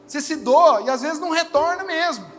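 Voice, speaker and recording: A male pastor preaching a lively sermon to his church, acting out the people he quotes. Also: very high voice, fairly quick, slight background noise. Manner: animated, acts out quoted people in small voices. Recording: reverberant church hall with faint music.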